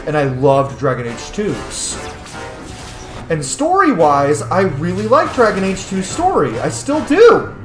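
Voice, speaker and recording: Over music, a gaming host with a slightly high voice and huge pitch swings talks unhurriedly in a reverberant space. His casual let's-play commentary is opinionated, blunt and emphatic, peppered with swearing.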